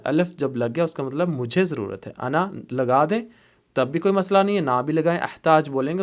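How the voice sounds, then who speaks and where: A man teaching spoken Arabic phrases, explaining them in Urdu and repeating each phrase several times at a patient pace. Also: medium pitch. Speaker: language teacher.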